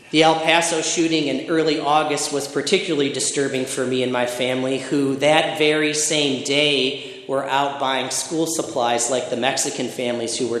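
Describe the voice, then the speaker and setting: A middle-aged man from Michigan is preaching a sermon. He moves through personal stories at a steady, reflective pace and builds emphatic lists. His voice rings around a reverberant hall. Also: medium pitch. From Michigan, USA. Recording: echoey hall with long reverb.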